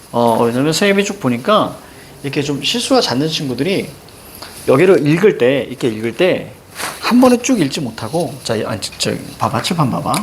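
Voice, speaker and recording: Lively, questioning male teacher. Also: mid-range voice, a little hiss or hum. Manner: lively, questioning, tags checks like "그치?". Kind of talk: classroom lecture on Korean poetry. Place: classroom with a blackboard.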